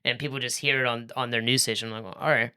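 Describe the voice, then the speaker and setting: Bright-voiced, wry man co-hosting a podcast. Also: medium pitch, quick pace, smooth. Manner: chatty, wry, gets animated when riffing. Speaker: podcast co-host. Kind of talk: casual film discussion podcast.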